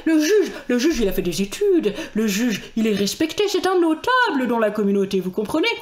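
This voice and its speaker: A woman voicing a self-important middle-aged judge who talks in a loud, exalted way. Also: fairly high pitch, very animated, a little fast, reverberant. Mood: pompous. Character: excitable pompous middle-aged male judge.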